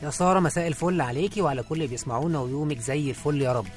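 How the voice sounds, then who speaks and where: A man's voice: a little high, very fast, faint music behind. A man with an Egyptian accent co-hosting a radio show, chatting in a joking, playful, bantering way. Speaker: radio co-host.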